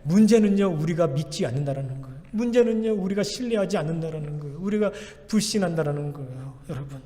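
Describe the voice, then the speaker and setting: A male pastor delivers a sermon in a church, pressing his points through repeated, emphatic exhortations. His voice sits somewhat high for a man. The sound carries a long reverb from the church hall. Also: quick pace, warm tone. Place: church sanctuary.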